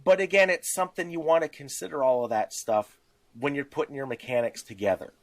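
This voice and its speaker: A podcast co-host discusses tabletop games casually, explaining with examples and small acted-out asides. His voice is on the high side and brisk.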